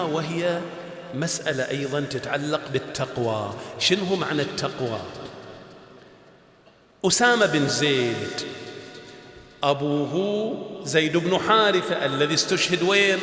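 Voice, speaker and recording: A man preaching a sermon, telling the story with rhetorical questions and rising to near-shouts. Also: fairly high pitch, expressive, unhurried, pauses often. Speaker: shaykh preaching. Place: large prayer hall. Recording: echoey hall with long reverb.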